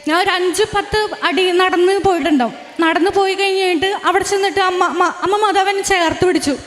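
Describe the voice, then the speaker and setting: A young woman with a very high, light voice tells her religious testimony, earnest and halting, often breaking off and restarting. Her voice rings with a long reverb, as if she is speaking in a large, echoing room. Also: a bit bright, slight background noise. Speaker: testifying believer.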